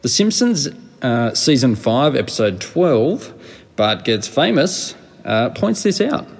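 A man's voice: mid-range voice, big pitch swings, slow pace, vocal fry, long reverb tail. A man hosting a podcast in a casual, informal and slangy way. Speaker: podcast host.

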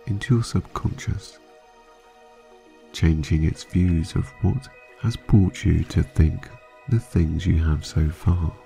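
A man narrating a guided sleep meditation like a sleep story narrator, calm, measured and hypnotic, with long pauses between phrases. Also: low-pitched, creaky. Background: soft music.

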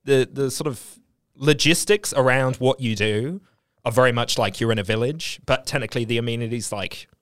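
A man chatting casually and telling animated comic stories, swearing freely. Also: mid-range voice, moderate pace, smooth, no room sound, clean studio sound. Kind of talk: casual chat.

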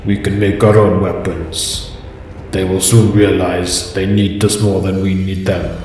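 A man voicing an imposing, proud male dwarf lord with a cavern-deep, rumbling voice, heard with a heavy cave-like echo. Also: level tone, unhurried, darkish tone. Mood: angry. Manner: haughty, commanding. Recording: long echoing reverb, faint noise.

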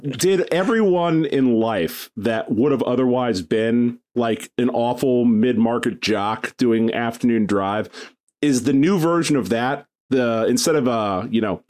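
A man's voice: medium pitch, a little slow, darkish tone. A man co-hosting a sports podcast, chatting casually, rambling and joking. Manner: rambling, jokey, slips into mock radio DJ voice. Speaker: podcast co-host. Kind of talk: casual chat.

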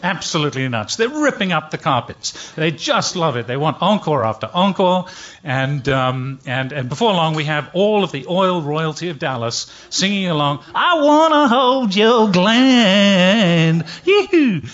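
A man's voice: a little high, lively intonation, moderate pace, a bit bright, lo-fi sound. An older man telling a comic story live, with a dry, wry delivery and playful put-on voices. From Britain.

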